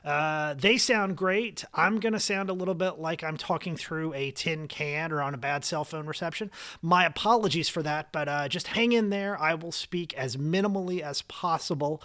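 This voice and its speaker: A man's voice: on the high side, moderate pace, a bit bright. An American man hosting a podcast, speaking in a conversational introduction style to his listeners. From United States. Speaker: podcast host and interviewer.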